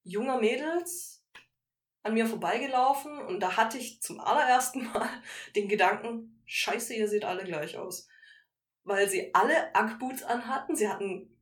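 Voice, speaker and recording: A woman's voice: a little high, measured pace. A woman from Germany co-hosting a casual podcast, earnest and sharing personal anecdotes. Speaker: podcast co-host. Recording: echoey room.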